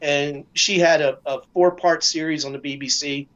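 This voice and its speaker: High-voiced man, halting, lo-fi. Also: steady tone, fairly bright tone. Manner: halting, many restarts and fillers. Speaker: guest. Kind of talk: casual discussion.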